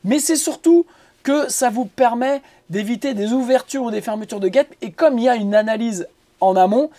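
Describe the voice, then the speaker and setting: Male producer host, mellow tone, halting casual tutorial delivery full of fillers. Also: extremely high pitch. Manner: rambling, halting with many fillers and repeated words; joking asides. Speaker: music producer teaching audio mixing.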